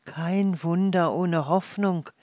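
A kindly storybook forest fairy, put on by the reader, speaking softly and slowly in a half-whisper. The voice sits a little higher than the narration, gentle and soothing, and the recording is close and dry. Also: fairly even intonation, dry recording, close to an everyday voice. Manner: soft, murmuring and half-whispered.

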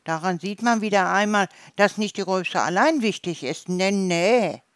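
A woman's voice: mid-range voice, a little slow, no room sound, studio quality, lightly acted. A woman voicing a chatty, folksy sheep in a storybook tale, with an emphatic, homely manner. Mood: approving.

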